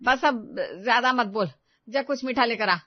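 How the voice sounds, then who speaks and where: A woman's voice: on the high side, normal speed, no echo, voice pushed up, natural voice. A woman voicing a strict middle-aged mother-in-law who scolds sharply and bosses others. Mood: scolding. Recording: dull dry lo-fi recording.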